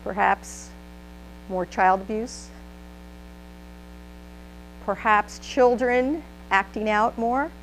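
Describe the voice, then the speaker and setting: A woman's voice: mid-range voice, extremely slow, pauses often, slight background noise, low-quality recording. A woman giving a motivational training talk, upbeat and emphatic, leading a live audience in call-and-response. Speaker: presenter giving a trainer workshop.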